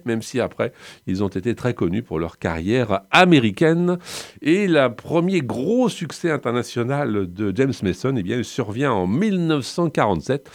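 A man's voice: mid-range voice, no room sound. A man hosting a film music radio show in French, chatty and self-mocking, with scripted presentation broken by asides. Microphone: studio microphone.

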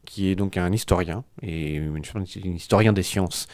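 A man with a low voice talks through tech news in a relaxed podcast chat. He hesitates often, stacking fillers and restarting sentences. The sound is close and dry, with no room around it. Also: moderate pace, dry recording. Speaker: podcast co-host reading a tech press review.

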